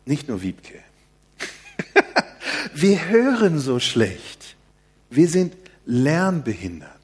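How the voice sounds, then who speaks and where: An older man preaching a sermon in a quiet, soft-spoken manner. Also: on the high side, wildly swooping pitch, very slow, husky.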